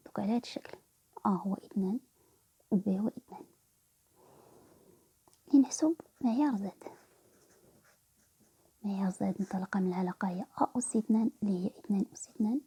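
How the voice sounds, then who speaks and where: A woman with a Moroccan Arabic accent teaches math in a quick, whispered delivery. Her voice is very breathy and airy, with a deep, mellow darkness to it. She walks through each step one at a time. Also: poor audio. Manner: whispers nearly every line, explaining step by step.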